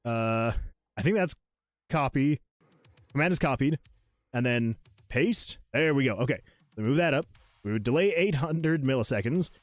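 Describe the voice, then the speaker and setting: A man developing a game solo, chatting casually on a livestream as he fiddles with his software, rambling and restarting his sentences and often laughing at himself. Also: mid-range voice, lively intonation, moderate pace, long pauses, no room sound, clean studio sound. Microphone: USB desk microphone.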